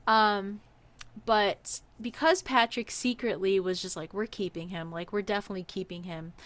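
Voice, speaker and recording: Speaking at a moderate pace in a medium pitch, this woman recounts a personal story like a casual podcast. She acts out the quoted dialogue with animation.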